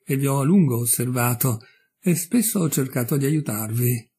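Man reading as an uncanny visitor, coolly courteous, politely stern, husky and dark. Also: mid-range voice, normal speed.

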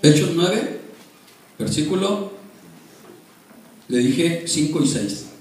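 Male preacher, high voice, swooping pitch, fervent sermon. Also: expressive, slow, a little mellow. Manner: impassioned preaching, addresses congregation directly. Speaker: pastor. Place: church. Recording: echoey church hall, far from mic.

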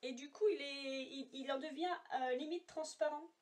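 A woman's voice: sits high, moderate pace, noisy background. A woman making a casual makeup swatch vlog at home, chatty and rambling with many fillers, talking to a camera set apart from her. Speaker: beauty vlogger. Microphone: camera set apart, no monitor. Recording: voice a little far from the mic.

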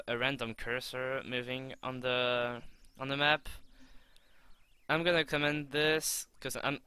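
A young man commenting on his own gameplay replay, excitable and swearing, with lots of stumbling restarts, on a home desk mic. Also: mid-range voice, smooth, dry recording. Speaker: gaming channel host.

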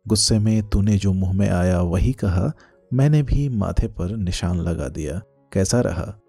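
A man's voice: low-pitched, a little slow, creaky, no echo, soft background music, exaggerated voice. A man reading as a teasing, grieving young man. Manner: gently teasing, light banter.

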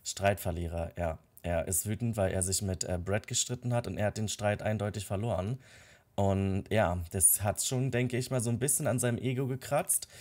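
Low-voiced man commenting on gameplay. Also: moderate pace, a little mellow. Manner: narrates the characters' thoughts and talk in his own voice, with frequent fillers. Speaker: Let's Play host.

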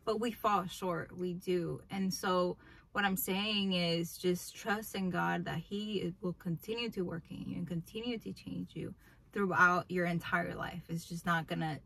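Young woman, gravelly, casual and heartfelt, "like"-heavy, phone recording in a car. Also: on the low side, fairly even intonation, a little slow, fairly bright tone. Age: young adult. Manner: heartfelt, filler "like". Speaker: vlog co-host. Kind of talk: casual faith talk. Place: inside a car. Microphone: phone camera held by the man.

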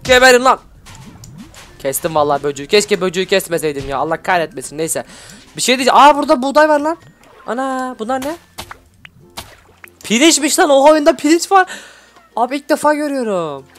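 A young man giving excitable, shouty gameplay commentary as a video host. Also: very high-pitched, a little fast, long pauses. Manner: excitable, shouty, constantly reacting. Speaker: gaming YouTuber host. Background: background music.

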